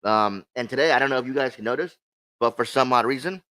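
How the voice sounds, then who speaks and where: A man's voice: mid-range voice, steady tone, quick pace, pushed and bright. A man co-hosting a livestream in casual, sweary chat, talking with a swollen lip. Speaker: co-host of a cigar show.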